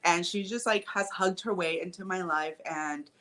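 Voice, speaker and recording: A woman's voice: on the low side, normal speed. A woman co-hosting a podcast, chatting casually and laughing as she tells stories. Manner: warm storytelling, frequent laughs. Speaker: podcast co-host.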